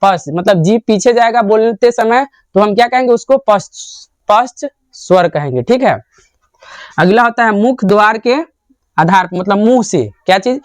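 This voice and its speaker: A man's voice: high-pitched, lively intonation, normal speed, no room sound. A young man teaching grammar in a classroom lecture style. He asks a question, answers it himself and repeats the answer.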